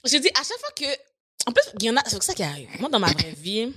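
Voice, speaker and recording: Bright, lively Québécoise storyteller. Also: female voice, fairly high pitch, fast talker, slightly rough. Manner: animated storyteller, laughs often. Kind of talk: casual chat.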